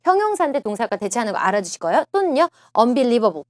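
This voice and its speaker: A woman lecturer preps students for a listening exam, her fairly high voice swinging up and down in pitch. She coaxes the class, repeats each key phrase and keeps asking questions. The sound is dry and close to the mic. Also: sing-song, fast, dry recording. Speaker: TOEIC listening instructor.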